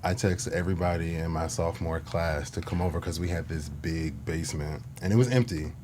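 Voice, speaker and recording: A man co-hosting a podcast, relaxed and plain-spoken as he tells a story in casual chat. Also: deep voice, a little fast, background noise. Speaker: podcast co-host.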